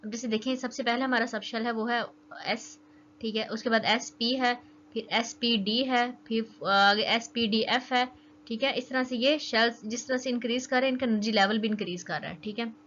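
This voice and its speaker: Young female teacher, chatty explainer, slightly high voice, dull lo-fi sound with faint hiss. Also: fairly even intonation, moderate pace, a bit bright. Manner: chatty, keeps checking in with "okay". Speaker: chemistry teacher. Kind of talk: casual explanatory lesson. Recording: dull lo-fi recording with faint noise.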